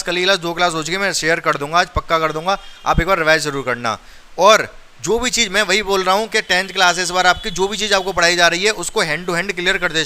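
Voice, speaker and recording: Male maths teacher, high and very bright voice, smooth clear tone, counts aloud. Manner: explains step by step, counts aloud, urges students. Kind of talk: classroom lesson.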